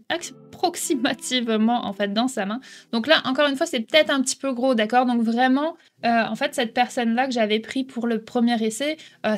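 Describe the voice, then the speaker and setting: A woman hosting a casual software tutorial, explaining step by step and checking in with the viewer often. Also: a little high. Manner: chatty, explains step by step, keeps asking "d'accord?". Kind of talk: casual screen-recording tutorial.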